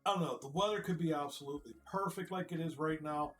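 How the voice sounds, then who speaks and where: Man, slightly high pitch, rambling casual chat, restarts, acted-out quotes, faint music behind. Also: fast talker, fairly bright tone. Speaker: community founder. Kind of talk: casual group chat on a stream.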